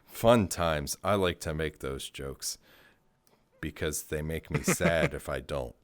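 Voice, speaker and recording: A man's voice: very deep voice, slow pace, dry recording, clean studio sound. A man hosting a casual chat show, rambling and cracking sarcastic jokes. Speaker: show host.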